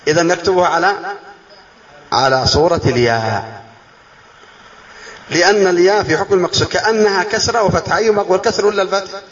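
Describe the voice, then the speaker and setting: A man teaching a class, quizzing his students with questions, drawing key words out slowly and putting on a student's puzzled voice. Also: high voice, muffled recording. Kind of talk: classroom lesson.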